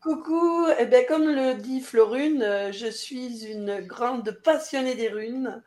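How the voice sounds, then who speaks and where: A woman's voice: a little high, takes it slowly, darkish tone. A woman with a French accent, a guest on a podcast, chatting in an easygoing way and laughing often. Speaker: podcast guest, rune enthusiast. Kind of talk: casual group chat.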